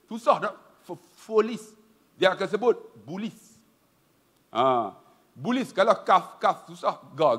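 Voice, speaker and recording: Animated Malaysian preacher in a reverberant hall. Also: male voice, high voice. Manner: animated, humorous, often addresses the audience directly. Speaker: religious lecturer. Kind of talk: lively religious talk to an audience.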